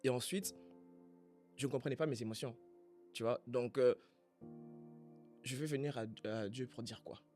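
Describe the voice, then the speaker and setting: A man from Congo in a casual faith conversation, speaking in a reflective, halting way as he searches for his words. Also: mid-range voice, steady tone, a little mellow, faint music behind.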